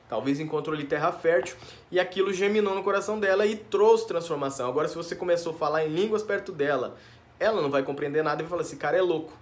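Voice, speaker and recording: Brazilian male pastor, conversational preaching, slightly high voice, folksy and informal. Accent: Brazilian Portuguese. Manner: informal, tag questions, addresses listeners as dear ones. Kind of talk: conversational sermon.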